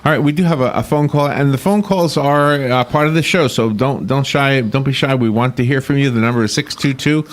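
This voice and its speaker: A man co-hosting a radio call-in show, announcing the phone number and callers in a smooth radio-host manner. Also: mid-range voice, brisk, hardly any pauses.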